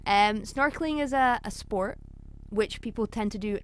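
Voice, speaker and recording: A woman's voice: medium pitch, moderate pace, a little hiss or hum. A woman co-hosting a casual chat, explaining things patiently and step by step. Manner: explanatory, patient, light laughs. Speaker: podcast co-host.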